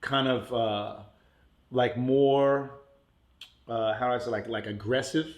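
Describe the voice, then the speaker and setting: A man's voice: mid-range voice, steady tone, slow. Laid-back man chatting in a roomy echo. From Puerto Rico, raised in New York. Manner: laid-back, laughs often, many "like" and "you know" fillers. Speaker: podcast guest. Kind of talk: casual interview chat.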